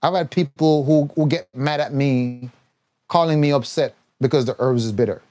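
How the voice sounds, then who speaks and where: Blunt, preachy man with a dark voice. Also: medium pitch, moderate pace. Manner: mimics others in quoted voices. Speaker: herbal health coach. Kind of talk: live-stream monologue.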